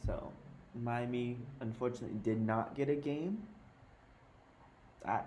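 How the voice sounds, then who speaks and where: A man's voice: medium pitch, measured pace, background noise. A man co-hosting a podcast, chatting casually and joking about sports. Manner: playful, jokey banter. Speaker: podcast co-host. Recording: roomy echoey room.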